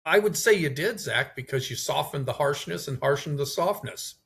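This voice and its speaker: A man's voice: a little high, animated, normal speed, creaky, a bit bright. A man hosting a podcast, giving an encouraging critique of a poem in a casual, thoughtful way with frequent restarts. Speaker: podcast host. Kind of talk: casual poetry discussion.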